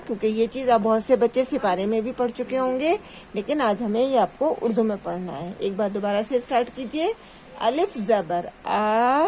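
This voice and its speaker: A woman teaching a children's reading lesson, explaining a sound and then drawing out each letter drill slowly. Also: on the high side, darkish tone, slight background noise, rough recording.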